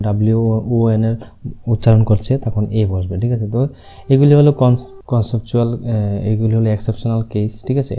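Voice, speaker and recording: A man from Tripura, India, with a Bengali accent and a lowish, mellow voice teaches an exam-prep grammar lesson. He explains each point step by step, reading the English rules slowly word by word, and checks with his students after each one.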